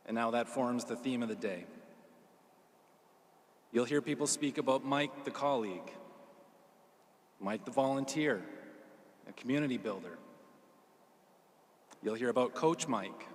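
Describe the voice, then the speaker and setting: A man speaks as master of ceremonies at a memorial, giving a measured, plain-spoken eulogy to a gathering. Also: medium pitch. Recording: echoey hall with long reverb.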